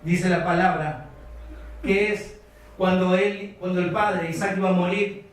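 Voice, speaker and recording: A man's voice: high-pitched, fairly even intonation, a little slow. A man with a Rioplatense Spanish accent preaching a sermon as pastor, retelling a story and exhorting his congregation. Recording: echoey hall, distant mic.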